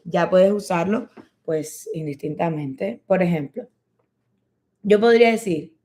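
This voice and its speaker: A woman teaching English in a lesson, slowly repeating phrases for learners to practice. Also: on the low side, mellow. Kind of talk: bilingual language lesson.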